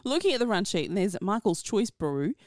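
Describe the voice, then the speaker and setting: A woman co-hosting a radio show, telling stories in a lively, laughing way. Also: medium pitch, a little fast, dry recording, clean studio sound. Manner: lively storyteller, laughs easily. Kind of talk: casual on-air chat.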